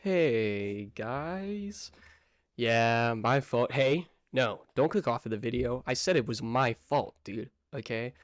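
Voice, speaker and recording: A man's voice: mid-range voice, lively intonation, slow pace, no room sound, clean studio sound. A young man telling a casual storytime vlog in a slangy, laid-back way with apologetic asides. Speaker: vlogger.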